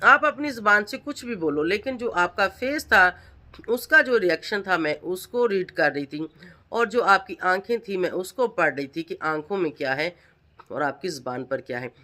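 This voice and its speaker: A woman's voice: on the low side, lively intonation, moderate pace, bright, forceful tone. A middle-aged woman, giving an emphatic reaction vlog commentary full of accusing rhetorical questions. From Pakistan. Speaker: vlogger.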